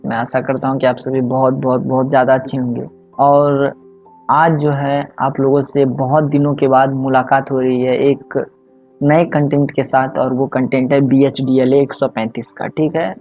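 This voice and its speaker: A man's voice: mid-range voice, little pitch movement, moderate pace, a little mellow. A man explaining exam questions to students in a conversational lesson, often asking "right?" and slipping in English phrases. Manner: conversational, frequent "ठीक है?" check-ins, mixes English phrases. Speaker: online tutor. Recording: slightly dull audio with faint background music.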